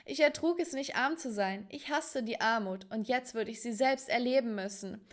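A woman narrating an animated story in the first person as a spoiled, self-pitying teenage girl. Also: fairly high pitch, normal speed, natural voice.

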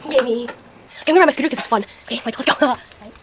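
A woman's voice: a little high, very fast, noisy background. A young woman playing a hyper twelve-year-old boy obsessed with sugar, giddy and repetitive in a homemade comedy skit. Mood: silly.

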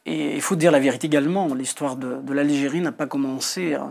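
In a TV interview filmed in an indoor studio, a middle-aged Kabyle-speaking man from Algeria quickly explains his views as an author. His fairly high voice has a darkish tone and vocal fry, and he stresses key points while hesitantly repeating words.

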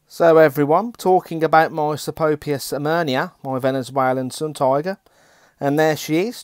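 A man's voice: a little high, dry recording. Chatty Australian man, dry close sound. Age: adult with children. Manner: relaxed and chatty, many fillers. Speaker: hobbyist vlogger. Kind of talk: casual collection update.

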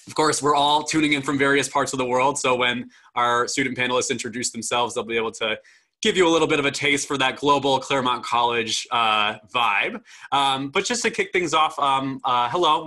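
A young man hosting a student panel as admissions dean welcomes people informally over a video call from an indoor room. His medium-pitched voice is steady, fairly quick, bright and forceful, picked up by a video call microphone.

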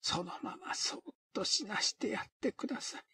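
A man voicing a bedridden, dying woman who speaks slowly and listlessly in a dry, rasping half-whisper. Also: high voice, lively intonation, pushed and bright, no room sound, voice pushed up, heavily acted. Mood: weary pleading. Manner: slow, listless, pleading.

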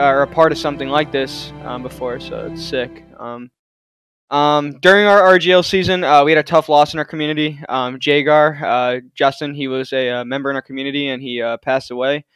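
A young man giving a heartfelt anniversary speech to his gaming community, pausing often with "uh" and "um". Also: fairly high pitch, fairly bright tone. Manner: halting, full of "uh" and "um" fillers.

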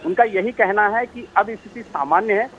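Man, reporter, high voice, muffled phone line, faint street noise, steady explaining. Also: normal speed. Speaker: field reporter. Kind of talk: live phone report from the scene. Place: outdoors near a mall.

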